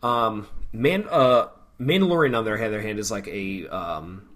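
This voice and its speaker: A man's voice: lowish voice, unhurried, fairly bright tone. A man co-hosting a podcast in casual chat, rambling with many ums. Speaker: podcast co-host.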